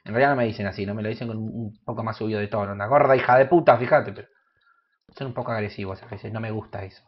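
A man with an Argentine Spanish accent giving crude, joking gameplay commentary that bursts into loud shouts. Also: on the low side, fairly even intonation, racing, breathy edge, muffled recording. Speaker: gaming youtuber.

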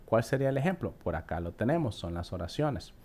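A man teaching an English vocabulary lesson in Spanish, explaining step by step, checking in with the viewer often and reading English words and definitions slowly. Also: fairly low pitch, sing-song, darkish tone. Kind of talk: screen-share vocabulary lesson.

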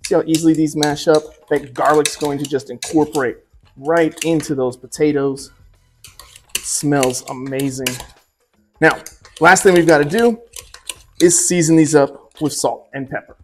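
A man in his forties hosting a relaxed home cooking demonstration from his kitchen, easygoing and chatty, with asides to the viewer. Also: a little high, normal speed, soft background music. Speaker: cooking show host.

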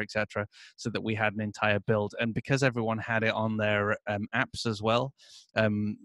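A man explaining a software setup during an interview, walking through his screen in a relaxed, filler-heavy way. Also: fairly low pitch, no room sound. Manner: explanatory, many fillers and "et cetera". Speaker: interview guest, agency owner. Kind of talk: casual screen-share walkthrough.

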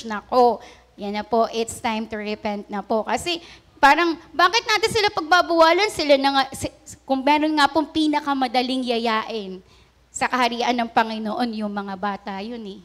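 High-voiced woman pastor preaching. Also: fairly bright tone. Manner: conversational, frequent "po" and "di ba" asides. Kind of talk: Taglish sermon.

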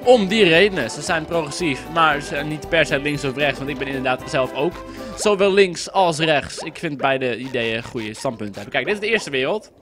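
A young man talks his way through a video game in a loose, rambling let's-play style, dropping fillers and crude jokes as he goes. His voice sits a little on the high side. Game music plays clearly behind him. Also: lively intonation, normal speed. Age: young adult. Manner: rambling and chatty, with frequent fillers and crude asides. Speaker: gameplay commentator. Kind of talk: casual let's-play commentary.

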